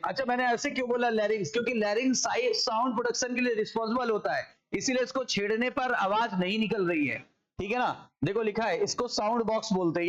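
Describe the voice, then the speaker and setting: Indian man, high voice, energetic coaching-class biology lecturer, slightly muffled recording. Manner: energetic, asks and answers his own questions. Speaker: biology teacher.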